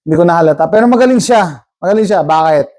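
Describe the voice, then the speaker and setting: A man's voice: fairly high pitch, animated, fast, darkish tone. A man vlogging in casual storytelling mode, chatty and rambling, often tagging his sentences with a questioning "no?".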